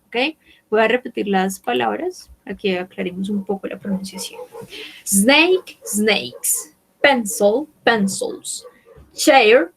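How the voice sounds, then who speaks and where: Profesora de inglés que habla muy despacio. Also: female voice, medium pitch, poor audio. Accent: Spanish-speaking, Latin American. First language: Spanish. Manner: slow, drawn-out word drilling, repeating each word. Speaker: English teacher. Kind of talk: online language lesson.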